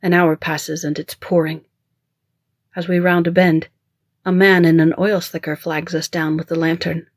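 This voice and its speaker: An author reading their own mystery-thriller audiobook in first person, with a measured, even storytelling manner, recorded close to the mic. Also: mid-range voice, dry recording. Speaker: author and narrator.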